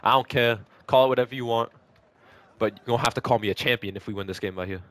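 A young American man giving excited, casual gameplay commentary into a headset, full of slangy trash talk and swearing. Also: mid-range voice, fast talker, no echo. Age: young adult. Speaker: gaming video host and player. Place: small indoor bathroom, sitting in an ice bath. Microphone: gaming headset.

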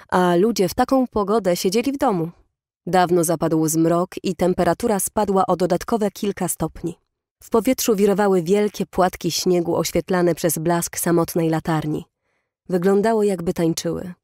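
Brief: woman audiobook narrator, steady and measured, dry close studio sound. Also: on the low side, no room sound. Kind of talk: scripted narration.

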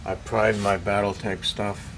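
Speaking on the low side with little pitch movement, at a measured pace and with a slightly bright tone, an older man updates viewers on his miniatures. The handheld camera footage comes from a cluttered basement hobby room with slight background noise, and he's rambling, self-deprecating, and often clearing his throat.

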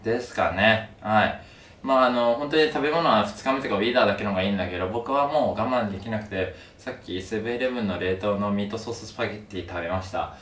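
A young man talks casually to camera with a sore mouth after wisdom tooth surgery. His voice is on the low side and moves quickly. The mic sits at a distance in a room. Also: fairly bright tone. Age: young adult. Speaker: video creator. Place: small room at home, indoors. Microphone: camera a few steps away. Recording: roomy, distant mic, some noise.

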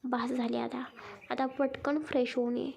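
A woman voicing a patient, caring young man who coaxes and gently scolds. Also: high-pitched, flat delivery, unhurried, vocal fry, slight background noise. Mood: coaxing.

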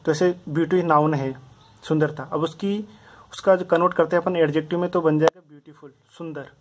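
Male grammar teacher, fairly high voice, patient step-by-step repetition. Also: fairly even intonation, brisk, a little hiss or hum. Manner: repetitive, explains step by step with many examples. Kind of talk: casual Hindi lesson explanation.

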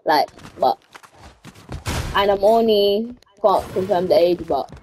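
A woman with a mid-pitched voice jokes around on game voice chat, chatty and goofy. Her headset mic carries a faint hiss. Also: takes it slowly, mellow. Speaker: gamer. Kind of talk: casual voice chat while gaming.

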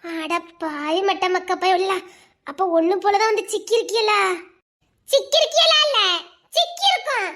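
A woman voicing a young, melodramatic cartoon heroine who squeals and wails her lines in a very high voice. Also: measured pace, fairly bright tone. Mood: frantic. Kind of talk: cartoon voice acting.

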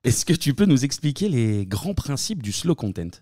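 A man hosting a podcast, asking brief questions and reacting quickly. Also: medium pitch, very animated, dark tone, no echo, studio quality. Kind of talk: podcast interview.

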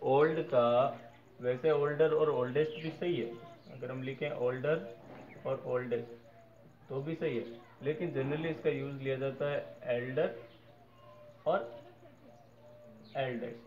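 A man's voice: mid-range voice, steady tone, unhurried, long pauses. Man teaching English grammar, dull recording. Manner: checks in with viewers often; spells out word endings letter by letter. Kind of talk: explaining grammar lesson. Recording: slightly dull recording with faint noise.

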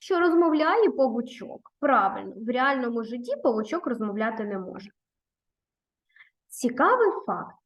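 A woman teacher who reads a children's story aloud expressively and then leads a video lesson with gentle, coaxing questions. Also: a little high, very animated, moderate pace, muffled recording. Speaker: primary school teacher.

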